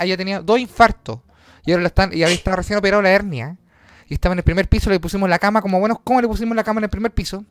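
A man's voice: high voice, clear, resonant tone, no echo. A young Chilean man telling a long story in casual chat, rambling and slangy, swearing and acting out voices. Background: guitar music.

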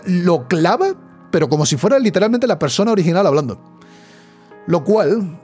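A young man with a Spain Spanish accent, hosting a podcast in a chatty, slangy, animated way. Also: fairly high pitch, husky. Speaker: podcast host. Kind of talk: casual news chat.

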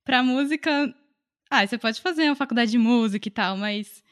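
A woman from Salvador, an artist, talking in a relaxed and chatty way in a casual conversation. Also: on the high side, normal speed, smooth. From Salvador, Brazil. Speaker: singer, artist.

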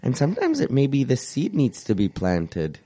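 A man hosting a casual radio chat show, hoarse from a cold and rambling as he searches for words. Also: medium pitch, huge pitch swings, moderate pace, dark tone, no echo, clean studio sound.

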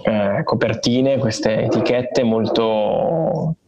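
A man co-hosting a casual chat over a remote call, talking with many pauses and fillers as he describes things. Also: mid-range voice, a little mellow, highs cut off. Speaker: podcast co-host reviewing beer.

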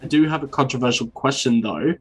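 A man chatting as a podcast co-host, rambling from one thought to the next with casual swearing. He acts out the people he quotes. His voice sits in an ordinary middle pitch. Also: fast talker, husky, soft background music. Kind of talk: casual chat.

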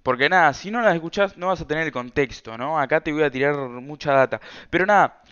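A young man with a Rioplatense Argentine accent chats through a personal story for his podcast. His voice sits fairly high and sounds smooth and clean. The talk is loose and slangy, and the recording is a little dull and lo-fi. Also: fairly quick, fairly bright tone. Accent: Argentine Rioplatense Spanish. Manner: rambling, slang-heavy, chatty. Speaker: podcast host. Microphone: self-recorded camera setup.

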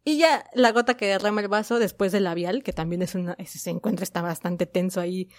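A woman talks in a casual fan commentary monologue. She gushes with excitement and acts out quotes as she goes. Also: medium pitch, a little fast, no echo. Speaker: K-pop fan vlogger.

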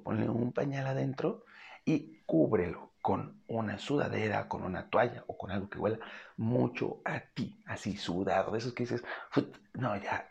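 A man's voice: lowish voice, gravelly, a little mellow, muffled recording. A man, hosting a cat care podcast in a casual, practical way and speaking straight to the listener. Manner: friendly, practical, addresses the listener directly. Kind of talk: casual instructional talk.

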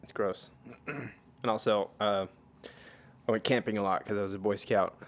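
A man's voice: fairly low pitch, steady tone, moderate pace, a little hiss or hum. Laughing, swearing podcast guy. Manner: laughs often, swears, rambling stories. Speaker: podcast co-host. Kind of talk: casual chat.

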